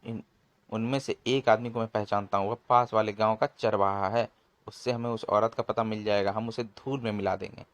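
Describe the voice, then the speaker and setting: A man's voice: on the low side, steady tone, normal speed, no echo, lightly acted. A man voicing a bossy middle-aged village chief of thieves who scolds and blusters. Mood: scolding.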